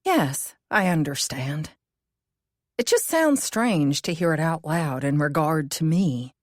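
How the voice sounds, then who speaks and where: A woman reads as an anxious amateur sleuth in a cozy mystery audiobook. She is a loyal woman, emphatic and questioning, with animated pitch and a dry sound. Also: slow pace, dry recording. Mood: numb, uneasy.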